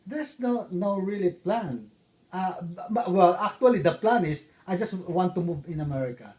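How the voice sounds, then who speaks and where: A middle-aged man from the Philippines, answering interview questions about his life in a halting way with many fillers. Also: high-pitched, expressive, darkish tone. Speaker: interviewee, father.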